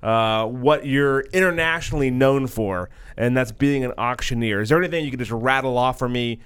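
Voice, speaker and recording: Upbeat host, smooth voice. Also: male voice, medium pitch, normal speed, a bit bright. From East Texas. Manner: upbeat, laughs often, joking. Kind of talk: casual studio show chat.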